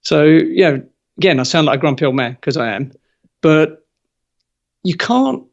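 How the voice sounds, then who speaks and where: Lively opinionated man on a muffled line. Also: on the high side, normal speed, vocal fry. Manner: lively, opinionated, colorful comparisons. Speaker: guest. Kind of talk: casual interview conversation.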